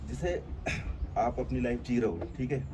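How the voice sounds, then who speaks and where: A channel host talks through his thinking in a casual chat, reflective and earnest, explaining at length with plenty of fillers. His voice is mid-range and his speed normal. Faint noise sits in the background.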